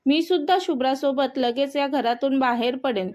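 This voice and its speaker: A woman's voice: sits high, normal speed, a little mellow, lightly acted. A woman voicing an earnest young husband who pleads to keep his wife, read as part of a storybook. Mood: resolute. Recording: dull, muffled audio.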